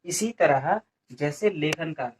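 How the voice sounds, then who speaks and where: Speaking slowly with lively intonation and a slightly high voice, this man from India runs a Hindi grammar lesson for exam coaching. He poses questions, repeats them, and answers them himself, filling gaps with frequent "ठीक है" (okay), while a little hiss or hum sits in the background.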